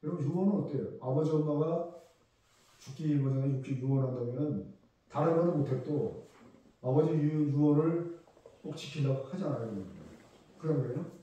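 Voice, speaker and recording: Pastor preaching in an echoey church. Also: male voice, fairly high pitch, normal speed. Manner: conversational preaching with questions to the congregation; swings between loud emphasis and soft quiet asides. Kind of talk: sermon. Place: church sanctuary. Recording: echoey church room, mic at a distance.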